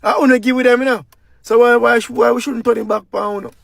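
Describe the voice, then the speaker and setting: A Jamaican man rants through political commentary in thick patois, firing off rhetorical questions. His voice sits high and carries a gravelly rasp. The sound is dry, with no room echo. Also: fairly even intonation, quick pace.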